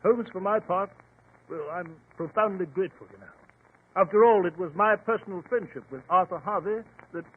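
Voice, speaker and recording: An actor in a 1940s radio play as a hearty English gentleman doctor with a British accent, bluff, genteel and earnest. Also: high-pitched, normal speed, husky. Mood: curious, grateful. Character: hearty, admiring English gentleman doctor, the detective's loyal companion. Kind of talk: 1940s radio drama acting. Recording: tinny 1940s radio recording.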